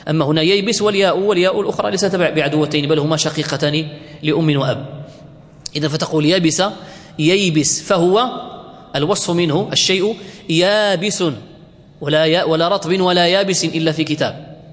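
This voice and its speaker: A man teaching Arabic word forms to a class. He asks the class questions and answers them himself, and he slows right down to spell out each form. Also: a little high, long reverb tail. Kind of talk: classroom lecture.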